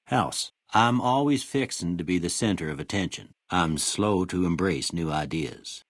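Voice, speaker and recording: An older male actor voicing a kindly, wry small-town doctor in a video game, with a folksy American rural Western drawl and a raspy voice. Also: low voice, no room sound, studio quality, exaggerated voice. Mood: calm, measured. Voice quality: raspy, gravelly. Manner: folksy, unhurried, plainspoken. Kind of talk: video game character dialogue.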